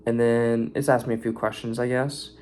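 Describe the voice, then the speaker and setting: A man's voice: mid-range voice, flat delivery, normal speed, a little mellow, slight background noise. A tired young man venting in a casual vlog rant about his warehouse shift, rambling and swearing.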